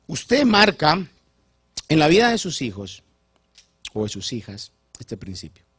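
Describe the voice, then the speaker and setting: Husky male pastor preaching, lively swoopy voice, kinda high, dry sound. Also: measured pace, no echo. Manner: animated, repeats words while building a point. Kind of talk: sermon.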